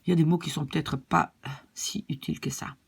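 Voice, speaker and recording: A woman's voice: sits low, steady tone, fast talker, vocal fry, slightly rough. A woman teaching a language lesson, explaining patiently and checking in with "d'accord?".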